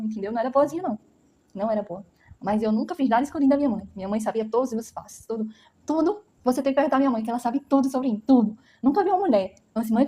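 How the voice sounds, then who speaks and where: Fast, blunt woman. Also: fairly high pitch, warm tone. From Brazil. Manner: blunt, emphatic storytelling with frequent "entendeu?". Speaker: vlogger. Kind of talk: personal testimony to camera.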